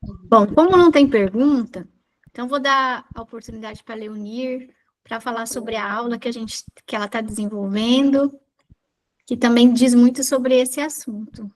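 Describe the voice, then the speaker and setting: A woman hosts an online meeting, heard over a video call. Her voice sits a little high. She is friendly as she organizes the group. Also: normal speed.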